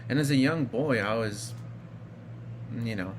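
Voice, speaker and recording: A little slow and medium in pitch, this man's voice comes with slight background noise. He is a vlogger in his thirties from Iraq, rambling casually through his personal story with many fillers and restarts.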